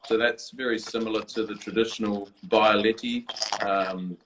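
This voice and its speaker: Hesitant low-voiced man on a video call. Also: steady tone, background noise. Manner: halting, many fillers and restarts. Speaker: guest, coffee brewer designer. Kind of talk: remote interview, explaining a product. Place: office.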